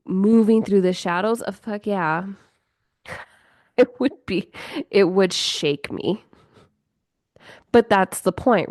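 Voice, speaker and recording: A woman's voice: mid-range voice, no room sound, studio quality. A woman hosting a podcast on her own, talking casually with lots of fillers, swearing and laughing often. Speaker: podcast host. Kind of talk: casual solo podcast chat.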